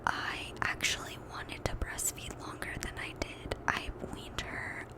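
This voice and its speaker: A young adult woman whispering a casual ASMR ramble to her viewers, softly repeating some of her words. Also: unhurried. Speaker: ASMR video host.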